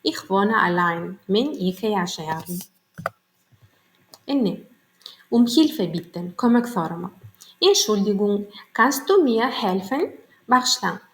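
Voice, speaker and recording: Woman, Turkmen native, hobby language tutor, unhurried teaching voice, echoey room. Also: mid-range voice, big pitch swings, slight background noise. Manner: reads German phrases slowly, then translates quickly into Turkmen. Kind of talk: bilingual vocabulary lesson.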